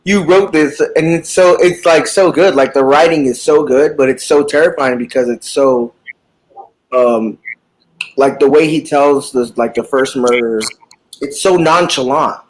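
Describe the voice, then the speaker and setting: A man's voice: medium pitch, a little slow, poor audio. A man in a casual live book chat, talking animatedly about a book, with frequent swearing and lots of fillers. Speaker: book discussion participant.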